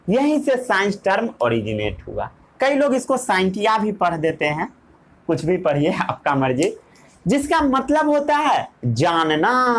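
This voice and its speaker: A woman teacher explains a science lesson at an unhurried pace. Her pitch rises and falls a lot as she quizzes the class and repeats key words. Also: a little hiss or hum, rough recording.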